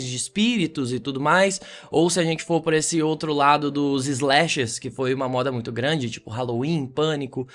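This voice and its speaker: A man with a Brazilian Portuguese accent hosting a reflective monologue podcast, musing unhurriedly with phrases that trail off low. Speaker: podcast host.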